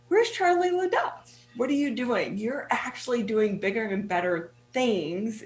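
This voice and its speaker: An upbeat woman hosts a talk show from her home studio, chatting quickly and warmly with her guest. Her voice sits at an ordinary middle pitch. A noticeable room echo hangs around every word. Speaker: host. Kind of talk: casual interview hosting.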